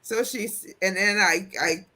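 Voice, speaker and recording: Bright, husky-voiced woman telling a story. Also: mid-range voice, measured pace. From Africa. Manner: animated, acts out quoted voices. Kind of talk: casual storytelling chat.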